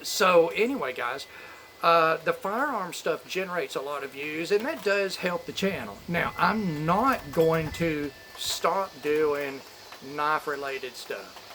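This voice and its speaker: Higher-voiced man vlogging outdoors in wind noise. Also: animated, slow pace, pushed and bright. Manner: informal, rambling, opinionated. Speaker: knife review channel host. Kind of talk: casual chat to camera. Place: outdoors on a back porch in a storm. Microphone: phone camera. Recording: windy outdoor phone audio, storm noise.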